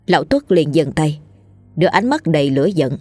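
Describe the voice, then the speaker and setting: A woman, narrating a scripted ghost story in a steady reading voice. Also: deep voice, moderate pace, no echo, soft background music.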